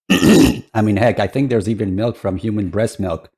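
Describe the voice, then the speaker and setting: A man's voice: fairly low pitch, steady tone, measured pace, darkish tone, slightly rough. A man giving casual reaction commentary as a streamer, in a hesitant, rambling way. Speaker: VTuber streamer.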